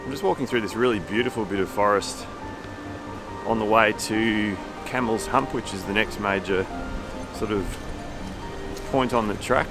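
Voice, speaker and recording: Low-voiced man hiking outdoors. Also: moderate pace. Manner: easygoing, meandering, with many fillers. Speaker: hiking vlogger. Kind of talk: casual walking commentary. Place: windy mountain forest trail outdoors. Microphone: camera held at arm's length. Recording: background music over outdoor audio. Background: clear music.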